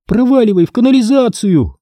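A man voicing an excitable young girl in an audiobook, shrill and exclaiming, desperate and fierce. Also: brisk, dry recording. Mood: gloating. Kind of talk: audiobook character voice.

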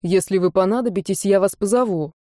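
A woman voicing a protective male mage companion who speaks quietly and firmly, in a commanding manner. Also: mid-range voice, fairly quick, no echo, clean studio sound, natural voice. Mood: calm.

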